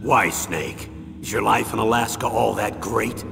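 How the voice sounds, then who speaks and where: Gravelly military colonel giving a briefing, reverberant. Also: male voice, fairly low pitch, steady tone. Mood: stern, persuasive. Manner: measured, authoritative briefing delivery. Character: stern veteran military colonel, persuasive and insistent. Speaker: commanding officer. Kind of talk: military mission briefing, scripted game acting. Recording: long reverb, music behind. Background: music.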